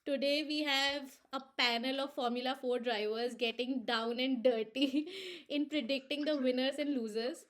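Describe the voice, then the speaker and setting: A woman's voice: high-pitched, fairly even intonation, moderate pace, few pauses, a bit bright. A woman hosting a casual podcast over a video call, chatty and teasing, laughing easily. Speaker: podcast host.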